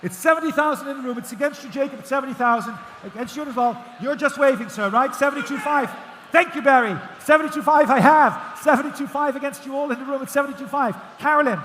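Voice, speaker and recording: A man working as an auctioneer, calling bids in rhythmic, repetitive number patter, projecting loudly to a room. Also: very high-pitched. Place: large auction room with bidders. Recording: echoey auction hall, faint background noise.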